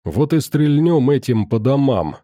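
Bold, playful young girl stammering with cold, as a male reader puts her on in an audiobook, low and dry. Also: very animated, measured pace, mellow, no room sound. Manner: stammering through chattering teeth.

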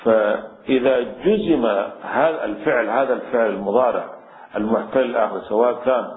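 A man's voice: mid-range voice, normal speed. A man teaching classical Arabic grammar, explaining patiently step by step with many fillers. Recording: echoey room on a tinny lo-fi line.

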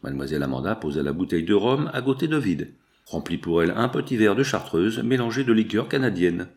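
A man narrating a 19th-century novel in a measured, even reading. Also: lowish voice. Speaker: audiobook narrator.

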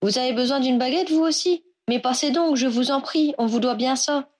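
An effusive woman in a queue gushes with eager gratitude, as a narrator puts her on. The voice rises high with excitement. It belongs to a storybook reading. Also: brisk. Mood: gushing. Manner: gushing and eager. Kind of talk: audiobook reading of fan fiction.

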